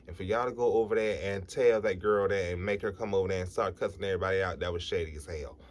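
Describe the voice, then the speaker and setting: A tired, sleepy man vlogging a casual, rambling recap of a TV episode. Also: on the low side. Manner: chatty, rambling storyteller.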